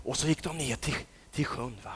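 A man's voice: medium pitch, husky. A man telling a story to children, often dropping into whispers for suspense and asking his listeners questions. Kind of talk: dramatic storytelling.

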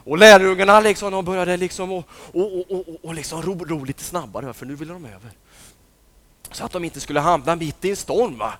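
A man's voice: a little high, fairly bright tone. A man telling a story to children, often dropping into whispers for suspense and asking his listeners questions. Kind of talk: dramatic storytelling.

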